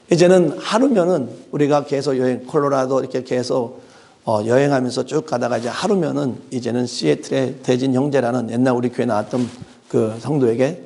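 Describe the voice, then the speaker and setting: A middle-aged male pastor preaching a sermon, dramatic and full of rhetorical questions, swinging between loud emphasis and hushed asides. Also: medium pitch, creaky. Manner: asks the congregation rhetorical questions.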